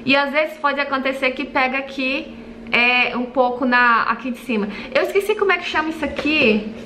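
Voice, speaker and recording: Chatty woman vlogger wearing clear aligners, slight lisp, bright and a touch high. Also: normal speed, slight background noise. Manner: chatty, many restarts and fillers, addresses viewers as "gente". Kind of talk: casual vlog explaining her treatment.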